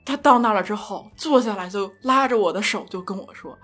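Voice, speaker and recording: A young woman guest telling a self-mocking love story in casual chat, animated and laughing often. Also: mid-range voice, fairly quick, husky, soft background music. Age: young adult. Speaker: podcast guest.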